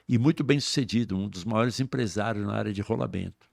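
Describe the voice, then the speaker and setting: Gravelly Brazilian preacher man. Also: fairly low pitch, brisk, no echo, studio quality. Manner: fervent storytelling, swinging between hushed and loud. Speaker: guest preacher. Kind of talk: personal testimony on a podcast.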